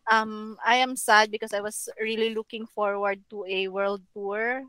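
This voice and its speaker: A woman's voice: medium pitch, level tone, unhurried, a bit bright, clear, resonant tone, dry recording. A woman co-hosting a podcast in casual chat, mixing English phrases into her talk. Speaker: podcast co-host.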